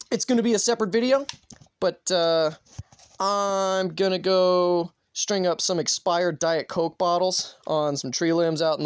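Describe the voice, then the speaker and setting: Smooth-voiced man, casual profane rambling. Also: fairly high pitch. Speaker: gun vlogger. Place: indoors at home, near a bed.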